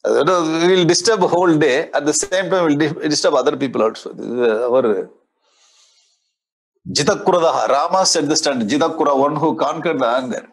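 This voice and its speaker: An older man in his sixties with a South Indian accent teaches scripture in a conversational lecture style. His voice sits a little high and has a husky grain. He often repeats key phrases as he explains. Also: moderate pace, rough recording. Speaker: spiritual teacher. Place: indoor studio in front of a display board. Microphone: lapel mic.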